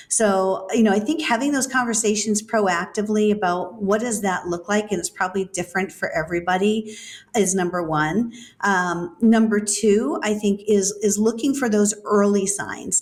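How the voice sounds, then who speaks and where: Middle-aged woman, senior living expert in an interview, thoughtful, lots of ums. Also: medium pitch. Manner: thoughtful, measured, with many fillers. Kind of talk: interview answers.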